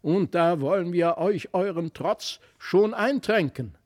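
A man voicing a pair of spiteful toy figures, a hunter and a harp player, croaking threats in a raised voice. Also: sits high, lively intonation, voice pushed up. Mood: menacing. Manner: threatening, drawn-out.

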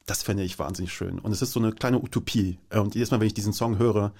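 A man's voice: lowish voice, fairly even intonation, fast, gravelly, darkish tone. A man from Afghanistan talking as a radio guest, enthusiastic and thoughtful in turn. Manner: enthusiastic, then thoughtful and reflective. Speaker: studio guest. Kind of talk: casual radio conversation.

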